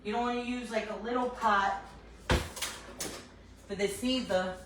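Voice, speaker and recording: An older New York-accented woman runs a casual cooking livestream from her home kitchen, answering viewers' comments as she cooks, with a phone doing the recording. Her voice is on the high side, steady in tone and a little slow, and the room is echoey with background noise.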